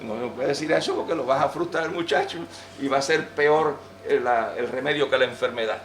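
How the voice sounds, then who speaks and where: A man from Venezuela giving an animated, humorous lecture in a church and speaking to the audience. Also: medium pitch, a little fast, a little hiss or hum. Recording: roomy church echo.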